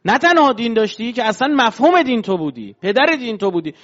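A man with a high-pitched voice lecturing on religion. He explains his points patiently and keeps turning to his audience with rhetorical questions. The recording sounds dull and lo-fi. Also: big pitch swings, a bit bright.

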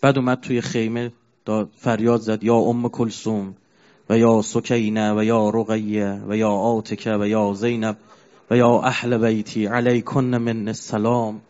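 A man preaching a mourning sermon, telling a sad story as a grieving storyteller who chants verses slowly. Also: lowish voice, little pitch movement, darkish tone. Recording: dull lo-fi recording.

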